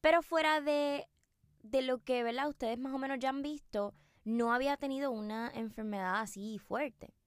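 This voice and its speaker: A woman's voice: high-pitched, normal speed, smooth, no echo, studio quality. A woman hosting a podcast, telling a story casually and chattily with many fillers and asides to her listeners. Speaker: podcast host.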